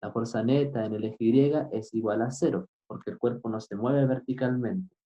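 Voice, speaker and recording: A male physics teacher explains a worked problem one step at a time in a relaxed, mellow voice. He keeps turning to the class with small checks to make sure they follow. The recording is somewhat dull and lo-fi. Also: medium pitch, normal speed. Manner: keeps asking "right?" to check understanding; patient, step-by-step.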